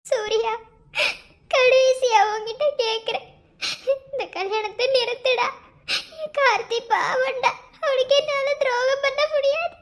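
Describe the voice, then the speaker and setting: Woman voicing heartbroken cartoon bride, very high voice, tearful, pleading. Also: a little slow, a bit bright. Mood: desperate pleading. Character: heartbroken young bride pleading to stop wedding.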